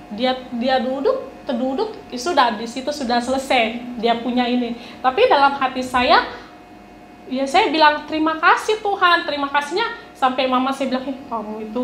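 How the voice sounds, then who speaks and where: A woman's voice: high-pitched, a little hiss or hum. A woman telling a personal testimony in a church service, conversational storytelling that quotes others. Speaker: church speaker giving a testimony. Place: church hall. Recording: echoey church hall with faint ambience.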